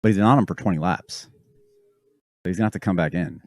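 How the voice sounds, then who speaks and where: A man's voice: low voice, quick pace, dry recording, clean studio sound. A man co-hosting a casual race-watching chat, blunt and sardonic, swearing now and then. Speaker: podcast co-host.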